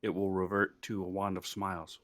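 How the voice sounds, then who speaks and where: Guy with a lowish voice game mastering, casual and matter of fact. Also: completely flat delivery, brisk, a bit bright. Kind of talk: casual tabletop game chat.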